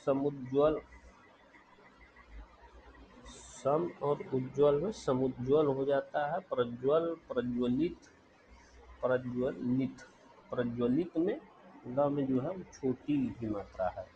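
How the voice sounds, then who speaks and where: A man teaching a spelling lesson, dictating words slowly and repeating each one deliberately. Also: mid-range voice, warm tone, dull audio, a little hiss or hum.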